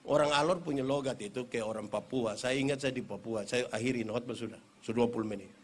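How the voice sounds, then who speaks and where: A man with an eastern Indonesian accent preaching a humorous Christmas sermon, acting out stories in playful voices. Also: on the high side. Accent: eastern Indonesian (Kupang Malay). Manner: animated storyteller, acts out villagers in funny voices. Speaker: pastor. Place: church or hall event, live.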